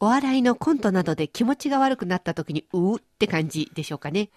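A woman's voice: mid-range voice, lively intonation, fast talker, darkish tone, no echo, studio quality. A woman hosting a language lesson, explaining pronunciation with playful everyday images. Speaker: language teacher and host. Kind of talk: radio-style language lesson.

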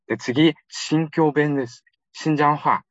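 A man from Xinjiang, China, giving a lively, conversational public lecture with frequent fillers. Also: on the high side, takes it slowly, no room sound. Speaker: guest lecturer. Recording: dull lo-fi recording, dry.

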